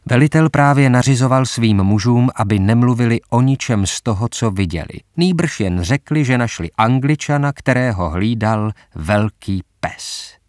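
A man narrating a story aloud in measured, even first-person storytelling. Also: mid-range voice, no room sound, studio quality. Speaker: audiobook narrator.

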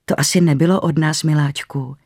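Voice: mid-range voice, fairly even intonation, darkish tone, no echo, natural voice. A storyteller voicing a practical, skeptical young mother in a dry, close recording.

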